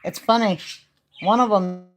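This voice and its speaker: A woman's voice: medium pitch, a little slow. A woman chatting casually on a live stream and talking straight to her viewers in a folksy, easygoing way. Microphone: phone.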